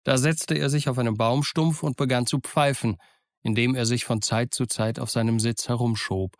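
Guy narrating a novel, calm steady read, dry close recording. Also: mid-range voice, dry recording. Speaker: audiobook reader.

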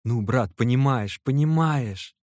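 A man voicing a nervous, lovestruck young male clerk in an audiobook, speaking in a halting, heartfelt way. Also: medium pitch, darkish tone, no echo, clean studio sound, voice pushed up, natural voice. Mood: earnest.

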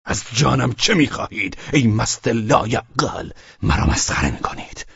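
Brief: male narrator as a short-tempered gentleman, low and husky, curt and snappish. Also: animated, dry recording, highs cut off, exaggerated voice. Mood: angry. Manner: curt and angry, then stammering. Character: irritable, flustered gentleman host.

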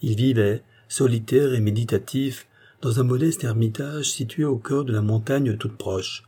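A man narrating a short story in a calm, measured manner. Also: medium pitch, husky. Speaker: audiobook narrator.

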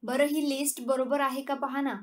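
A woman's voice: high-pitched, level tone, moderate pace, close to an everyday voice. A woman reading as a teasing young lover. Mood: playful. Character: young man in love, teasing. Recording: distant from the mic.

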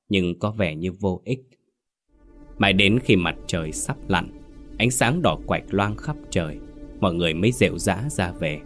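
Deep low guy reading a ghost story, somber and measured. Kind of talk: scripted horror narration.

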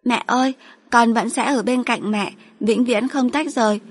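A woman's voice: on the high side, steady tone, normal speed, a little hiss or hum, voice pushed up, close to an everyday voice. A woman voicing a small, earnest and tender girl in an audiobook, with a sweet, pleading childlike voice. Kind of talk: audiobook character voice.

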